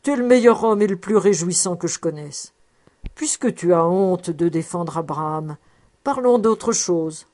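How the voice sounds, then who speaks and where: A woman's voice: fairly low pitch, animated, a little slow, dark tone. A woman reading aloud, voicing a cheerful, teasing man who loves food and drink. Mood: jovial. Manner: joking, cheerful.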